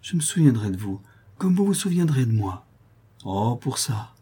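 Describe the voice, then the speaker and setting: A man's voice: on the high side, steady tone, brisk, dark tone, slightly rough, pitched above the performer's own voice. A man voicing a tearful young woman prisoner who is expecting a child, pleading and sobbing with fierce pride. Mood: tearful resolve.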